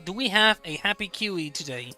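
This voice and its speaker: Bright, chatty male streamer. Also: sits high, animated, fairly quick, faint music behind. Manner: chatty, repeats words, greets viewers by name. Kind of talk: live stream chat with viewers. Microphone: desk microphone.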